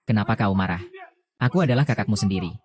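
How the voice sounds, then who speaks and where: A man's voice: lowish voice, lively intonation, fast talker, a little mellow, close to an everyday voice. A man voicing a scornful ambitious general. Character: scheming ambitious older brother, male general.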